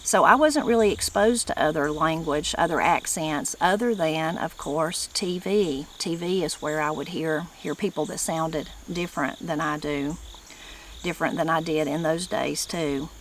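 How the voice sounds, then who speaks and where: A middle-aged woman with a strong Appalachian accent from the mountains of western North Carolina speaks in a fairly low voice. She talks informally to her viewers in a folksy way, using regional turns of phrase. Insects chirp in the noticeable background noise. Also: normal speed. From western North Carolina, United States. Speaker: online channel host and presenter. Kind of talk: informal talk to camera.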